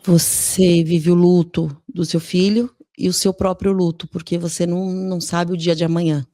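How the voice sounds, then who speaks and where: Soft-spoken woman podcast host. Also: on the low side, level tone, no room sound, clean studio sound. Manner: gentle, slow, searching questions. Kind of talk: emotional interview.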